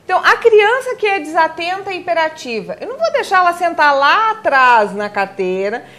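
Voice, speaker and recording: A woman's voice: extremely high pitch, very animated, a little fast, bright, forceful tone. A woman neurologist from Brazil, explaining things step by step in an interview and posing her own questions. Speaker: neurologist guest.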